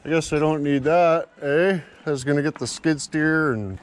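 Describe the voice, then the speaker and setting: A foul-mouthed vlogger jokes his way through casual banter in a yard and driveway, his voice a little high and his pace moderate. The outdoor recording is noisy with vehicles and ambient sound.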